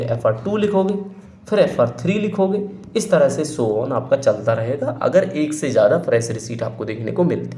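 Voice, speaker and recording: A man's voice: a little high, a little mellow, reverberant. A man teaching an online exam-prep lesson, explaining step by step and asking the students questions he then answers himself. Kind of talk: online lecture.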